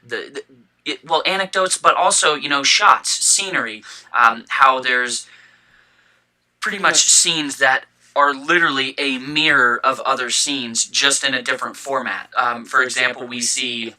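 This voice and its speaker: A man's voice: medium pitch, measured pace, bright, forceful tone, low-quality recording. A young man co-hosting a casual fan podcast, talking enthusiastically with lots of fillers and restarts, with the hiccups. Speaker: podcast co-host.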